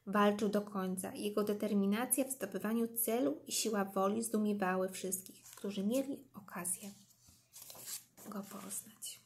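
A woman reading a children's book aloud, gently voicing each character's lines and addressing her listeners as "kochani". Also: medium pitch, a little slow. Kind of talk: storybook read-aloud.

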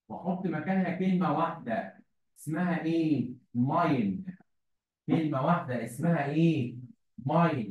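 A man's voice: on the high side, highs cut off. Egyptian man teaching, echoey and distant. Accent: Egyptian Arabic. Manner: explains patiently, repeats questions to students. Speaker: English teacher. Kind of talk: online class lesson. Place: classroom at a whiteboard. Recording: echoey room, far from mic.

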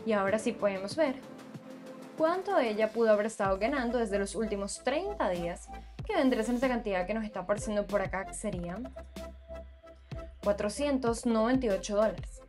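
A woman hosting her own channel, narrating a screen-recorded tutorial and calmly walking viewers through numbers step by step. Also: medium pitch, a little fast, faint music behind. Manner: steady, explanatory, walks through numbers step by step. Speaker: YouTube channel host.

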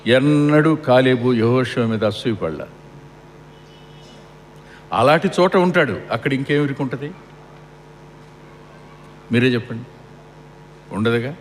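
Middle-aged male preacher at a funeral, mid-pitched voice, rhetorical and repetitive, long hall echo. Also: expressive, unhurried, pauses often. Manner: asks the crowd rhetorical questions and repeats for emphasis. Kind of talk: funeral sermon. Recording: long hall reverb with faint air-conditioning hum.

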